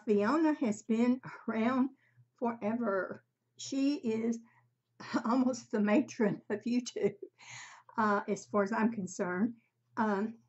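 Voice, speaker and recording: An older woman with a husky, breathy voice, giving a casual, halting craft demonstration at home in her craft room. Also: fairly high pitch, a little mellow. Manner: halting, unhurried, conversational. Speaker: craft tutorial host. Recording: slightly dull, muffled sound.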